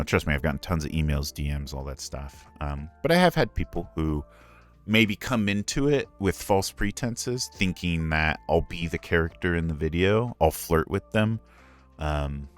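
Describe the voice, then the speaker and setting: A man who streams and voices ASMR, talking candidly and earnestly in a casual live Q&A, rambling with frequent asides. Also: rumbling low.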